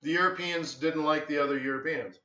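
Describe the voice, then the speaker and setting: A man's voice: fairly high pitch, brisk. A man hosting a live trading stream, telling rambling stories in casual chat. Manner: rambling, storytelling, animated with acted quotes. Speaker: forex trading livestream host. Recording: roomy, distant, slightly dull sound.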